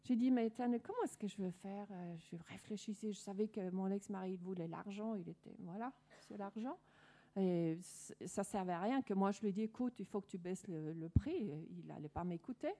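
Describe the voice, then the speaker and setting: A woman's voice: mid-range voice, fairly quick, dark tone. A woman from Denmark with a Danish accent, earnestly telling her personal faith story with many restarts. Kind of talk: personal testimony.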